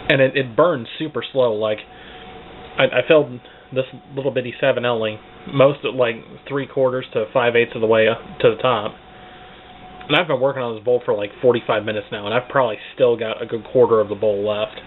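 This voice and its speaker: A man's voice: mid-range voice, steady tone, brisk. A man giving a casual spoken product review, hesitant and searching for words as he goes. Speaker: pipe tobacco reviewer. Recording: tinny, phone-like band, clearly noisy.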